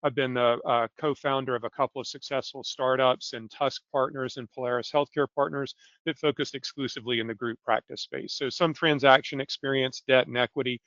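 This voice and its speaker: A man in his fifties from South Carolina, a guest executive coach introducing himself in a brisk, easygoing, self-deprecating way. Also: medium pitch, fairly even intonation, fairly bright tone, no echo. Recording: dry, dull lo-fi call audio.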